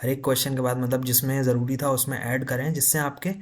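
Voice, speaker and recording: A man teaching literature for an exam, explaining in Hindi with terms and reading notes slowly. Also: mid-range voice, little pitch movement. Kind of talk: exam-prep lecture.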